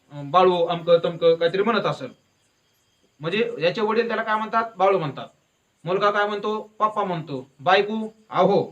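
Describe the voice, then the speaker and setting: Bright, high-voiced preacher man. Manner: lively, asks questions and answers them himself. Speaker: kirtan preacher. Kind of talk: devotional discourse with storytelling.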